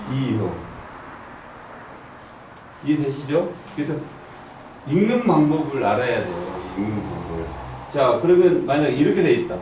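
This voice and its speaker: A man's voice: mid-range voice, warm tone, slight background noise. A man teaching an I Ching class, quizzing the students and drilling the readings aloud. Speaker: I Ching lecturer. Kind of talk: classroom lecture. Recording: echoey room, from far off.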